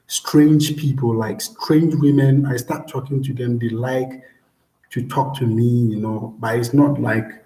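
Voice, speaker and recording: A young Ghanaian man chats with his live-stream viewers, easygoing and loose, often repeating himself and filling pauses. His voice sits at an ordinary middle pitch. The room around him rings with noticeable echo. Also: fairly even intonation, dark tone. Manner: easygoing, repeats words, many fillers. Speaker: vlogger answering viewer questions. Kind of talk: casual live-stream chat. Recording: echoey room.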